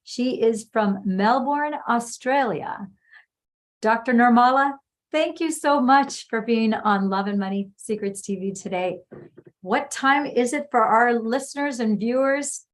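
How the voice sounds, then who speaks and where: A woman's voice: on the high side, a little slow. A woman hosting a live online interview, chatty and upbeat. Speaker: host. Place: home in California.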